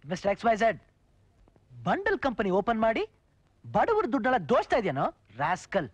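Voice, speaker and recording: A man's voice: high voice, huge pitch swings, brisk, slightly rough, no room sound, full character voice. An actor playing a brash, mocking man who threatens swindlers with bombs, taunting in rhymes. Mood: menacing taunts.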